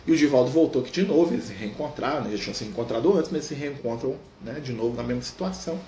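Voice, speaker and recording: A man leading a Spiritist study, telling a story in an animated way and tagging almost every phrase with a questioning "right?". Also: mid-range voice, fast. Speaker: Spiritist study group leader. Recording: echoey room with faint noise.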